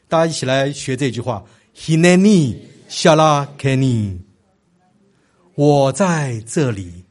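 A man preaching a sermon, stressing key phrases and leading the congregation to repeat them after him. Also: mid-range voice. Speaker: pastor.

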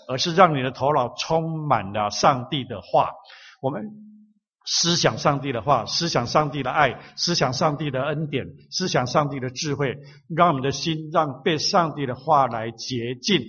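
A man preaching a sermon, teaching slowly and repeating phrases for emphasis. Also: mid-range voice, a bit bright, breathy edge, dull audio. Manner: slow, emphatic repetition of phrases.

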